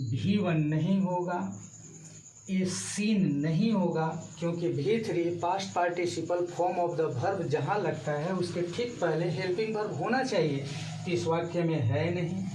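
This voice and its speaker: A man teaching an exam-prep grammar lesson, explaining each answer option slowly and step by step. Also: high-pitched, darkish tone, slight background noise. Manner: slow, explanatory, walks through each option. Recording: echoey room, mic far off.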